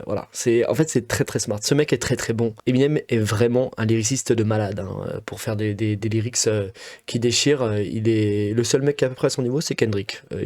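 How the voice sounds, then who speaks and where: A man streaming a video reaction, chatting casually in a rambling way with lots of hesitant fillers and loose slang. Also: medium pitch. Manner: relaxed slang-heavy chat.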